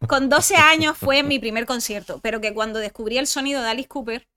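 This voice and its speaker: Bright, chatty woman with a Spanish accent. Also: on the high side, a little fast, clean tone. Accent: Spanish regional accent. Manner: lively, chatty, talks through interruptions. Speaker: podcast guest, former reality show contestant. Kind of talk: casual interview chat.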